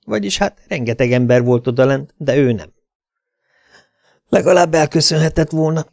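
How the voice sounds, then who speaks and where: A man's voice: fairly high pitch, vocal fry, a little mellow, no room sound. Man narrating an audiobook, dry and wry. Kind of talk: first-person audiobook narration.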